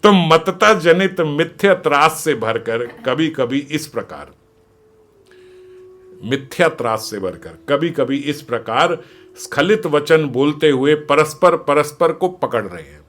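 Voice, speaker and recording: A man giving a devotional scripture discourse, animated, acting out the dialogue and often laughing. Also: on the high side, slow pace. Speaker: devotional storyteller.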